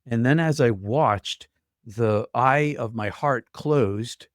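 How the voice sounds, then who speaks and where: A man's voice: mid-range voice, slow, no echo, studio quality. An older man telling his own story in an interview, earnest and vivid, acting out the voices he heard. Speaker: guest telling his near-death story.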